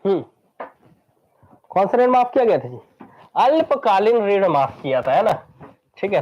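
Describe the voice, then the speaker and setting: A man's voice: high-pitched, a little mellow. A man teaching an exam-prep lesson, repeating lists over and over and quizzing his students. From Chhattisgarh, India. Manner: drills lists by repetition, asks students questions. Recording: dull lo-fi recording.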